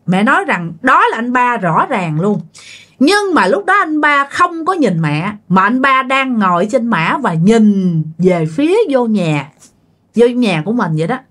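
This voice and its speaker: A woman tells a ghost story in a relaxed, chatty way, turning often to speak straight to her listeners. Her voice sits a little high and moves up and down very freely as she talks. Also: measured pace. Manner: chatty, addresses listeners directly. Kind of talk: casual ghost story telling.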